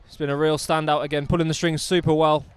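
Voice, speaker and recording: A man's voice: a little high, little pitch movement, fast, clean tone, no echo. A man doing live rugby commentary outdoors, chatty and enthusiastic with jokey asides.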